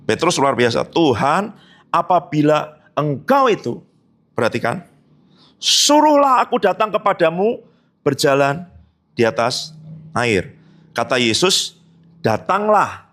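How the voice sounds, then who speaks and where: A man preaching a sermon as pastor, asking the congregation rhetorical questions and slipping in casual joking asides. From Indonesia. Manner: animated preaching with sudden high emphatic jumps and rhetorical questions.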